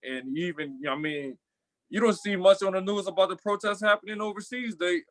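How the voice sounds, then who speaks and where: A man's voice: sits high, brisk, fairly bright tone, no room sound, poor audio. Thoughtful young man, dry sound. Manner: thoughtful, rambling with restarts. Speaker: former college athlete. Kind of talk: panel discussion.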